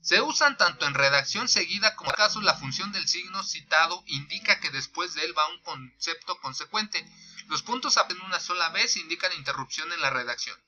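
Bright-voiced Mexican man dictating a lesson. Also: fairly high pitch, animated, dull audio. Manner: slow, deliberate dictation of examples with punctuation named aloud; thinks aloud with restarts and fillers. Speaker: teacher. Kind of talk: reading a grammar lesson aloud.

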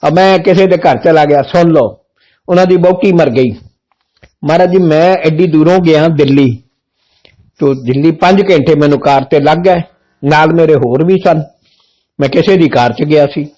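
Male preacher with a high voice, blunt and forceful like a soldier, hammering points home with questions. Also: normal speed. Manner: blunt, forceful military-style way of speaking; emphatic, with rhetorical questions. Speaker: Sikh preacher. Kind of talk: religious sermon talk.

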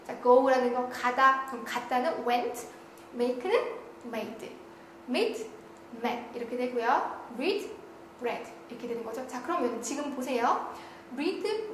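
Female grammar teacher with a high voice and a heavy room echo who asks and answers her own questions. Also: sharp tone. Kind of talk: online grammar lecture. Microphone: studio lecture recording. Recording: very echoey room with faint noise.

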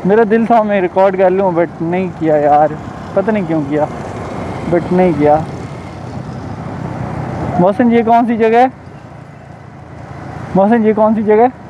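A man's voice: high-pitched, unhurried, long pauses. A young man from Pakistan with a Saraiki accent, chatting casually in a vlog and teasing his little brother as he rides a motorbike through town. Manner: teasing, repeats himself, calls out loudly. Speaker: motovlogger. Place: riding a motorbike outdoors in town. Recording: muffled with faint traffic noise.

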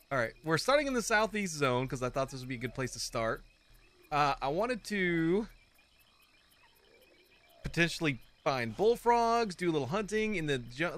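Brief: young male gaming host, jokey, reactive, slightly raised pitch. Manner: excitable, jokey, exclaims often. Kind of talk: let's play commentary.

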